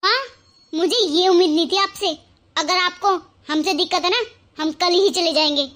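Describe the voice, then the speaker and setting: A woman voicing a quick-tempered young married daughter in a cartoon who argues back at her mother. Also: very high voice, fairly bright tone. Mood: defiant. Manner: defiant, argumentative.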